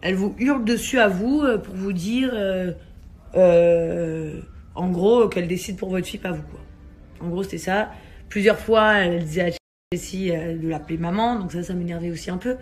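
A young woman, a mother and vlog host, casually telling a story to camera with many hesitations and animated quoted dialogue. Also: on the low side, normal speed.

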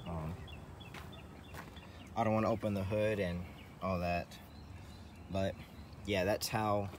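Showing his truck's CB radio setup, this vlogger talks slowly in a low voice with fairly even intonation. The hands-on walkthrough is casual, rambling and hesitant, and he often repeats phrases. It was captured handheld in and around the parked truck, with noisy vehicle ambience.

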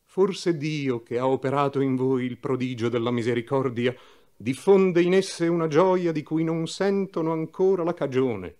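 An elderly cardinal full of gentle, loving fervor, as a man reads him aloud. He pleads in rising, impassioned oratory, carried by a mid-pitched male voice. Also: moderate pace, lightly acted. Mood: tender.

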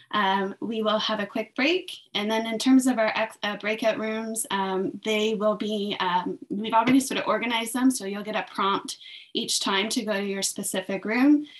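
A woman facilitator runs through housekeeping for a workshop held on a video call. She speaks in a friendly way with frequent fillers as she explains the steps. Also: mid-range voice. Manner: friendly, filler-heavy instructions.

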